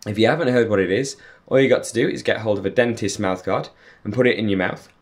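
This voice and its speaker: Male vlog host, 20s, lowish voice, casual to-camera introduction. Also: fast. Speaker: video host. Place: small room indoors.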